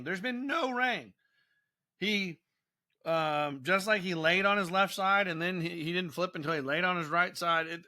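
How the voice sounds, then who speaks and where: A man teaching scripture on a devotional podcast, talking in an animated way and often repeating and restarting words. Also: a little high.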